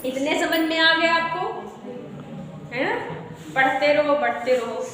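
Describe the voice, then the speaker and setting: A woman's voice: sits high, unhurried. A woman with a cold giving a classroom lesson as an English teacher, who keeps asking her pupils questions and answering them herself. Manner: repeats questions to pupils, calls them beta. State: has a cold. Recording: echoey room from far off, noisy.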